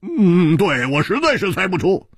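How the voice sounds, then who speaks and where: A man doing a loud, brash young swordsman. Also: high voice, moderate pace, breathy edge, no room sound, clean studio sound, voice pushed up, exaggerated voice. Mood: puzzled. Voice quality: loud, excitable, stammering.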